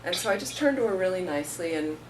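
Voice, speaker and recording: A middle-aged Buddhist teacher gives an informal talk, telling stories conversationally and acting out what people said. Her voice is on the low side, expressive, and quick, picked up by a distant mic with faint room noise.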